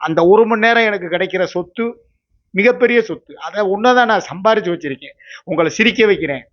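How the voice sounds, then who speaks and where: A man's voice: high-pitched, a little fast, highs cut off. A man in his fifties, tearful, talks in a rambling, repetitive way as he pleads with his viewers in an emotional vlog monologue. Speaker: YouTube entertainer.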